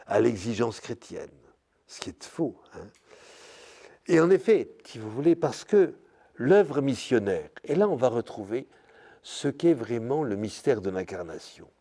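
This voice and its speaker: Older male priest, slow and lively lecture delivery, thoughtful fillers throughout. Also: medium pitch. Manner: slow, searching delivery with many "hein" and "euh". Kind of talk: spiritual lecture. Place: parish hall or church.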